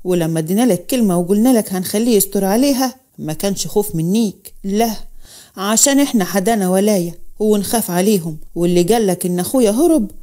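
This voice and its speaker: A woman's voice: mid-range voice, quick pace, warm tone, natural voice. A woman with an Egyptian accent voicing an arrogant young village man who talks in a bored, dismissive way.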